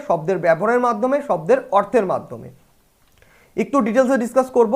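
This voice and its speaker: A man with a Bengali accent teaching an exam-prep lesson. He repeats each point and keeps checking with "clear?" and "okay?". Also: high voice. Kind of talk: online exam-prep lecture.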